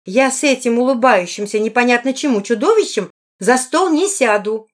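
Woman playing a shrill, scolding young lady. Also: very animated, brisk, darkish tone. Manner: shrill, exclaiming, reproachful. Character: bossy, fussy young noblewoman scolding.

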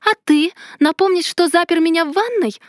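A woman's voice: high voice, animated, moderate pace, dry recording, clean studio sound, pitched above the performer's own voice. Woman voicing a fiery mocking young witch. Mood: furious. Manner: sarcastic, then shouting in anger. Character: sharp-tongued young witch heroine, fiery. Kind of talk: audiobook character voice.

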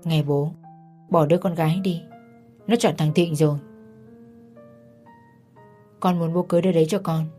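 A man's voice: a little high, steady tone, normal speed, long pauses, dark tone, soft background music, natural voice. A woman voicing a stern elderly father who orders his son to give up the girl. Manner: commanding and dismissive.

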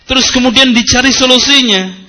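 A male preacher giving an Islamic study sermon, lively and joking, reciting Arabic hadith between his points. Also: very high voice, brisk.

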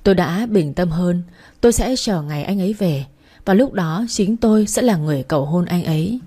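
A woman narrates a story in the first person. Her voice is mellow and warm. She reads steadily, softly and earnestly. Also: lowish voice, lively intonation, moderate pace, slightly rough.

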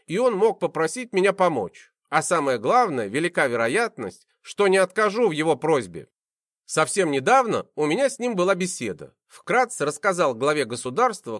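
A man reading a first-person audiobook in an expressive, animated way, into a close studio mic. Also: on the high side, dry recording. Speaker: audiobook narrator.

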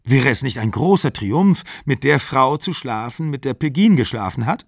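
A man's voice: mid-range voice, animated, moderate pace, gravelly, no echo, clean studio sound, voice pushed up. A man reading the lines of a bitter, fragile woman who is a college dean, cold and accusing. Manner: cold, accusing, then breaking down.

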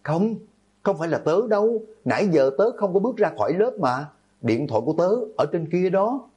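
A man's voice: high voice, big pitch swings, a little fast, a little mellow, husky, voice pushed up, heavily acted. Từ Nhược Băng, a man voicing a terrified fragile schoolgirl. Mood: frightened pleading. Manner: pleading, panicked denials. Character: gentle fragile teenage girl, terrified.

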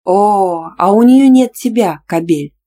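A woman voicing a jealous, hot-tempered young student who snaps back in sharp retorts. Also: mid-range voice, a little fast, close to an everyday voice. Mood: snapping.

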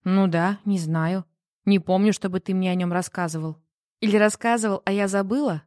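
A woman's voice: medium pitch, fairly even intonation, moderate pace, darkish tone, no room sound, studio quality, natural voice. A woman reading the part of a worried, teasing wife who keeps pressing with questions in an audiobook. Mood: prying. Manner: pushy, needling questions.

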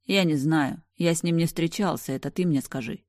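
A woman reading an audiobook, voicing a tender young brother who appears in a dream, speaking softly and calmly. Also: low-pitched, normal speed, no room sound, clean studio sound, lightly acted. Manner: soft, calm and affectionate.

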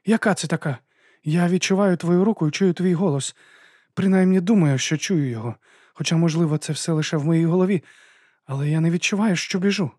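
A brisk, analytical young woman reasons aloud in quick questions, as a male reader puts her on. Her voice sits a little higher than plain speech, in a dry, close recording. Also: a little mellow, breathy edge, no echo.

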